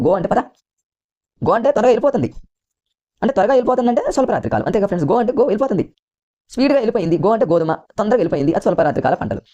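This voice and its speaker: Rapid-fire Telugu coaching teacher. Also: male voice, sits high, mellow, lo-fi sound. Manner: rapid, repetitive, keeps addressing listeners as friends. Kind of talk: exam coaching lesson.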